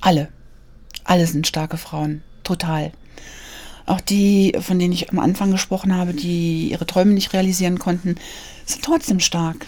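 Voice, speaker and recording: A woman author is interviewed in a studio, seated at a mic, about her portraits of immigrant women. Her voice is mellow, warm and on the low side, steady at a moderate pace, and she answers thoughtfully, earnest and hesitant, thinking aloud and searching for words with many fillers.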